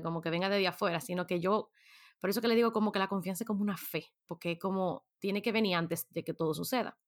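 A woman speaks straight to her listener in a casual motivational talk. She is lively and frank, drops in light slang, and keeps asking pointed rhetorical questions. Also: medium pitch. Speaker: self-improvement speaker.

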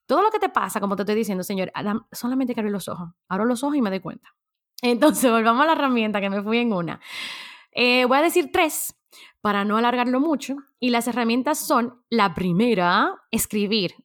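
A woman gives a casual motivational talk, her voice sitting a little on the high side. She chats straight to her listeners and laughs easily. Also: lively intonation, brisk. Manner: chatty, addresses listeners directly, laughs easily. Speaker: self-help speaker.

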